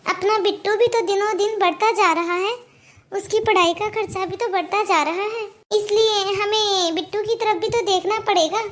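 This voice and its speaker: A woman voicing a scheming, bossy young daughter-in-law in a cartoon, who talks in a sharp and taunting way. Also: very high-pitched, steady tone, moderate pace. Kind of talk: cartoon voice acting.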